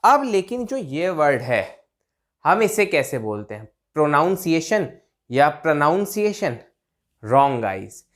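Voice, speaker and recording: Lively male teacher drilling pronunciation. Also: fairly high pitch. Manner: repeats words slowly, drawn out, checks in with "theek hai?"; writes on a board while talking. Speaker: English teacher. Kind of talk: pronunciation lesson.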